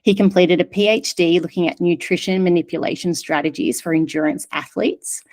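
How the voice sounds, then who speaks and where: A woman's voice: fairly low pitch, steady tone, brisk, a little mellow. Woman hosting a webinar. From Australia. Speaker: webinar host.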